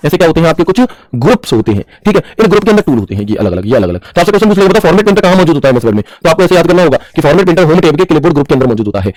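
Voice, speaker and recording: Male computer teacher, quick-fire delivery, self-answering questions, dry close mic. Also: on the high side, darkish tone, no echo, poor audio. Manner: repeats questions to the class and answers them; mixes English terms into Hindi, calls students bhaiya. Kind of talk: screen-share tutorial lesson.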